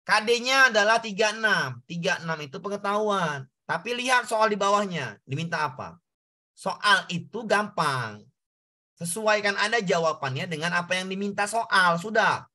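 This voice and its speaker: A male tutor with a high, very bright and forceful voice, leading an online class. He walks students through exam questions, repeats the key points and keeps checking that they follow. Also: expressive, normal speed.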